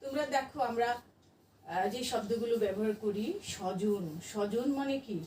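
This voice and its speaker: A woman with a high voice teaches a grammar lesson, patiently asking her class questions and answering them herself. She sits back from the microphone in a roomy, echoing space. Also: a little fast, a little mellow, recorded from a distance, a little hiss or hum.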